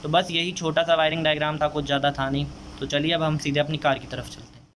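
Speaking fast with a slightly high, somewhat bright voice and little pitch movement, a young DIY car modification vlogger explains a wiring job step by step, chatty and matter-of-fact, treating viewers as friends. It's a casual how-to, shot on a handheld phone outdoors next to the car, with faint ambient noise underneath.

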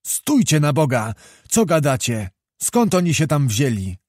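A man voicing an alarmed, reproachful nobleman in a historical audiobook, who shouts in a bitter, frantic way. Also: a little high, very animated, a little slow, dry recording, studio quality.

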